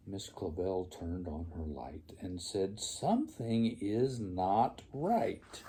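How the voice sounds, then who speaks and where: An old man reads a picture book aloud as a grandfather would to a child. His voice is dark and mellow, with a gravelly creak, and he takes each phrase very slowly and deliberately. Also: low-pitched. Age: older, grandfather. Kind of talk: storybook read aloud.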